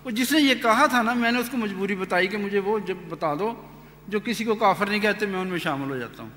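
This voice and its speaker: Man telling his own story, high bright voice, lots of echo like a big hall. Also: a little hiss or hum. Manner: earnest, animated retelling with quoted dialogue. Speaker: speaker giving a personal testimony. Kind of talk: storytelling testimony. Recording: echoey hall reverb.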